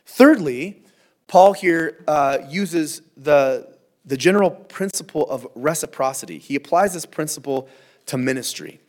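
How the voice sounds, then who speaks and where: Male pastor, slightly higher voice, teaches scripture verse by verse in a loose, chatty way with folksy asides. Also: a little slow, darkish tone. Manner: conversational, reads scripture aloud with emphasis; frequent fillers and restarts, folksy asides.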